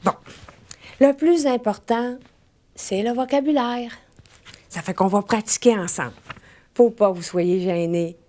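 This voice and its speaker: Slow-talking Québécois woman teaching. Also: a little high, mellow. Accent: Québécois, Saguenay. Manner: slow, deliberate drill-style teaching with repetition. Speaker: comic language teacher. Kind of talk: mock language lesson.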